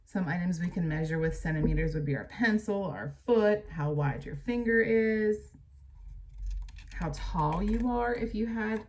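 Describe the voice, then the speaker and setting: Reading at a measured pace, the American woman has a slightly low, a little mellow voice. As a teacher, she alternates between the book and her own simple explanations, speaking directly to her young pupils.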